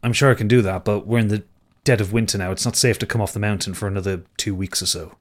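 A man's voice: lowish voice, steady tone, fast talker, lightly acted. A man voicing a kindly male mountain dweller in a tabletop game, reassuring and homely.

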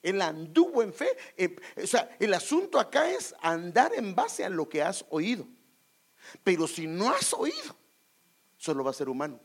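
A man preaching a sermon to his congregation, animated and emphatic, acting out quoted voices and calling them brothers. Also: sits high, normal speed. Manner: acts out quoted voices, rising to loud emphatic peaks. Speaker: pastor.

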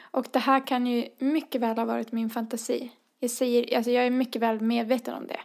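A woman's voice: a little high, flat delivery, vocal fry, darkish tone. A woman in her twenties telling a personal story in a chatty way, full of fillers and acted-out dialogue. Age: 20s. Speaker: podcast co-host. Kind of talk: casual storytelling.

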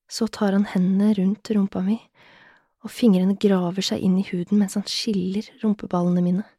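A woman narrating a first-person erotic story, reading softly and often in a half-whisper. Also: mid-range voice, flat delivery, slightly rough, no room sound, studio quality. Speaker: audiobook narrator.

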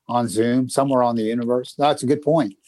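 Speaking from his home in northern Kentucky, a male podcast co-host chats casually and tells stories, filling his talk with fillers while plugging upcoming segments. His mid-range, mellow voice moves briskly with fairly even intonation, and the recording has no room sound.

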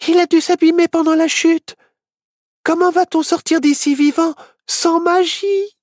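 Storybook: a boastful little witch girl, very high and squealing, as a woman reads her, slow, dry sound. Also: animated, no echo. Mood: boastful, excited.

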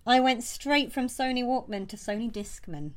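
A woman's voice: a little high, expressive, normal speed. A woman co-hosting a casual music podcast, talking enthusiastically into a close microphone. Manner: enthusiastic, gushing, with restarts. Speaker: podcast co-host.

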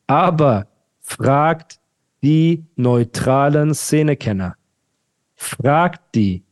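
A man's voice: a little high, drawn-out words, a little mellow. A man hosting a casual rap podcast, ranting emphatically and repeating himself. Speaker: podcast host.

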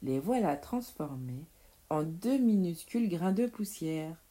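Slow, dark-voiced woman storyteller. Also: on the low side, lively intonation. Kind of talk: reading a picture book aloud to children.

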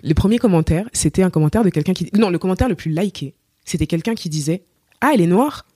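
A young woman from Cameroon, a singer, chatting as a podcast guest and telling her story with lively acted-out quotes and many fillers. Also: fairly low pitch, quick pace, breathy edge, no room sound, studio quality. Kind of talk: casual interview chat.

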